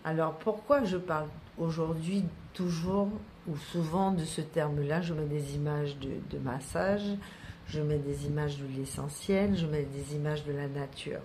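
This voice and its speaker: A woman's voice: low-pitched, steady tone, unhurried, warm tone. A middle-aged woman from French Guiana, a wellness practitioner talking casually to viewers, rambling with many hesitations and repeated words. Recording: faint background noise.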